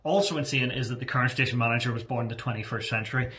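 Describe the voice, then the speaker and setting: A man's voice: medium pitch, racing, bright, forceful tone. A man in his thirties talking casually in a wry, self-deprecating way. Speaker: former student radio station manager. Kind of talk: casual recorded message.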